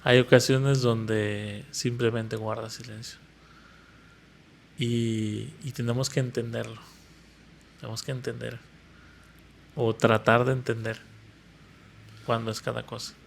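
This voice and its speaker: Podcast host, affirming. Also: male voice, mid-range voice, little pitch movement, takes it slowly, creaky, pauses often, a little hiss or hum. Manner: asks and affirms, echoes the guest. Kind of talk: podcast interview.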